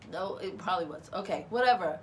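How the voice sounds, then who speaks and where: A woman's voice: on the low side, animated, fast, a little hiss or hum. A young woman in a casual motivational vlog. She talks in a chatty, rambling way with many fillers and restarts, upbeat and self-deprecating. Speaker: cosplay vlogger.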